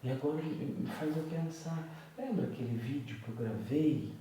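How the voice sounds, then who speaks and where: A young man softly coaxing and lecturing his baby son at home at night while filming a vlog, gentle and moralizing. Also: medium pitch, normal speed, distant mic, slight background noise. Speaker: vlogger and father. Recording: echoey room, voice from off-mic.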